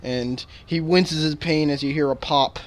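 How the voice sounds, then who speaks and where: A man narrating as dungeon master in a casual tabletop game, with halting restarts and filler words. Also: fairly high pitch, steady tone.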